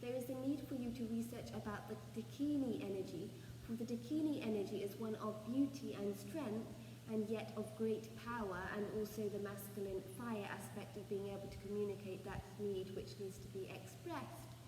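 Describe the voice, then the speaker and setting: A woman speaking as a seance medium channelling spirit messages, with formal, ceremonial phrasing and deliberate pauses. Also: mid-range voice, fairly even intonation. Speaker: trance channeller, spirit medium leading a session. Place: echoey room, away from the microphone. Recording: roomy, reverberant, distant mic, faint noise.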